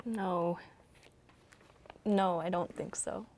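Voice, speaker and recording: A woman playing a tender, hushed young woman. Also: fairly low pitch, steady tone, very slow. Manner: soft, tender, often hushed. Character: Claire, young woman facing her end. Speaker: actor. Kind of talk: staged radio-style drama reading.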